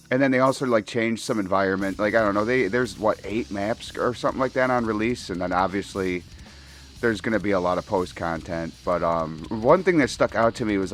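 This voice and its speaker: A man rambling casually and profanely while playing a shooter game, laughing often, at a home gaming setup with faint game music behind him. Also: lowish voice. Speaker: gaming commentator.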